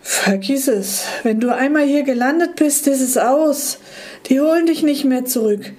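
A woman's voice: high-pitched, a little slow, a little mellow, voice pushed up. A grumpy, discarded old handheld computer from a storybook grumbles bitterly about being replaced, as a woman acts him out. His tone is curt and resentful. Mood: dismissive.

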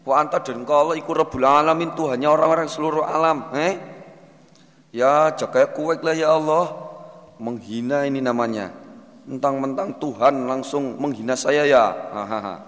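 A man preaching, reading Arabic text phrase by phrase and translating it, retelling scenes in an animated way. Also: medium pitch, normal speed, big-room sound. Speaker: Islamic preacher. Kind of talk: sermon.

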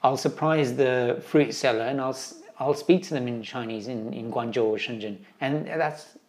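A man's voice: mid-range voice, normal speed. A man with a British English accent, an interview guest talking earnestly and wandering off into side points. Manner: earnest, digressive. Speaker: interview guest, travel writer. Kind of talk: conversational interview answers.

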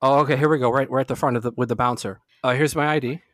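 A man hosting a podcast, chatting casually with animated, profane storytelling. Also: medium pitch, very fast, dry recording, studio quality. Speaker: podcast host. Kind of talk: casual chat.

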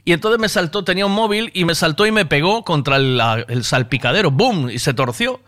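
A man's voice: on the high side, animated, a little fast, a bit bright. A man hosting a casual chat, laughing often, swearing freely and acting out what others said. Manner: chatty, laughing often, swearing, acts out quotes.

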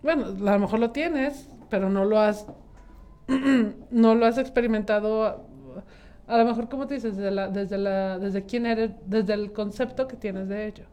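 A woman's voice: mid-range voice, measured pace, dark tone, smooth. A woman in her thirties with a Mexican accent, talking reflectively and rambling with many fillers in a casual group chat.

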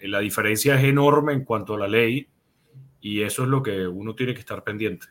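A man's voice: fairly low pitch, brisk, fairly bright tone. A man co-hosting a podcast from a video call. He speaks reflectively, building his argument through examples. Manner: reflective, explains with worked examples. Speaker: co-host. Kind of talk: casual chat.

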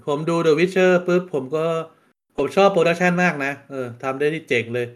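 A man's voice: fairly high pitch, moderate pace. A man co-hosting a casual chat show, giving blunt opinions and complaints. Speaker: podcast co-host.

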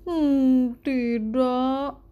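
Woman doing an excitable little boy Douglas. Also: sits high, very slow, lo-fi sound. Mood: excited. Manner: eager, excitable exclamations.

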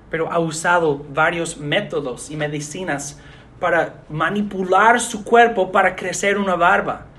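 A man, a pastor, preaching an earnest sermon in a measured way with pauses. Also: sits high, fairly bright tone.

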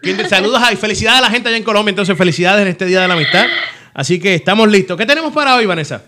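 High, fast, bright-voiced man. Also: expressive, noisy background. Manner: enthusiastic, repeats his replies. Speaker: co-host. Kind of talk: upbeat radio-style banter.

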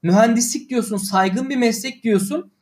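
A man's voice: extremely high pitch, normal speed, a little mellow. A young man ranting in casual slangy talk to his livestream viewers, exasperated.

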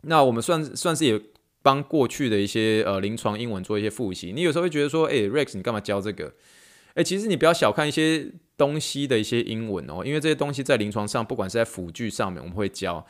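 A man's voice: medium pitch, lively intonation, fast. A man with a Taiwanese Mandarin accent, a physical therapist hosting a casual podcast lesson, chatty, repeating words, dropping English words into his talk and spelling them out letter by letter.

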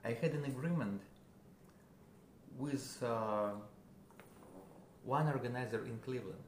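A man with a Russian accent, a guest musician, talking casually in a halting way, searching for words with many fillers. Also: mid-range voice. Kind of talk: casual interview. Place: a friend's house. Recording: roomy with background noise.

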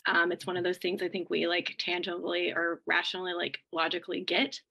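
A woman's voice: on the low side, completely flat delivery, brisk, gravelly, bright, forceful tone, husky, low-quality recording. A woman in a group podcast chat as a mastermind member, talking candidly and rambling, swearing casually.

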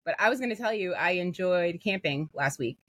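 Laughing woman, lower voice, dry sound. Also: fairly quick, no echo. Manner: laughs often, animated storytelling. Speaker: podcast co-host. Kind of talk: casual chat.

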